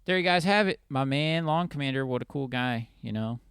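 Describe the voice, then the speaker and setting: A man's voice: medium pitch, lively intonation, fairly quick, fairly bright tone, clear, resonant tone, dry recording, studio quality. A man hosting a podcast in an informal, chummy, conversational way. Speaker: podcast host. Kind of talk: casual chat.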